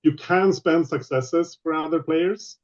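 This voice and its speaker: A man running a tabletop game online as game master, explaining rules patiently with many pauses. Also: on the high side, dull audio.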